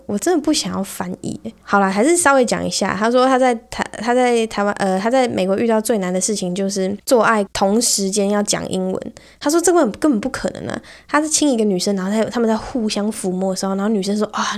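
A woman's voice: mid-range voice, darkish tone. A woman from Taiwan with a Taiwanese Mandarin accent, hosting a podcast in a chatty, rambling, self-mocking way. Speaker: podcast host. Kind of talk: casual podcast chat.

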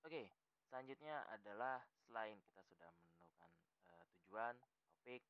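A man's voice: lowish voice, animated, moderate pace, highs cut off, over loud music. A young man from Jakarta with a Betawi accent, hosting a podcast in loose, rambling casual talk full of fillers. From Jakarta, Indonesia. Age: young adult. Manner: loose, rambling, many fillers and self-corrections. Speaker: podcast host.

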